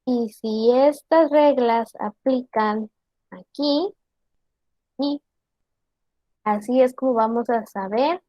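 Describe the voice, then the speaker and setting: Lady teacher on an online class, slow careful explaining, quizzing students, dull dry audio. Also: fairly high pitch, dry recording.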